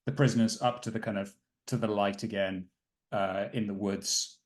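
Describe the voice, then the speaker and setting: A man's voice: lowish voice, steady tone, moderate pace. A man playing a tabletop role-playing game, describing his character's actions hesitantly with many fillers. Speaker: player.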